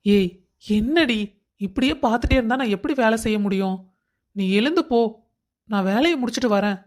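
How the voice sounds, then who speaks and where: A woman voicing a young, busy husband who coaxes and gently scolds his wife. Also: a little high, animated, a little fast, lightly acted. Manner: coaxing, affectionate scolding.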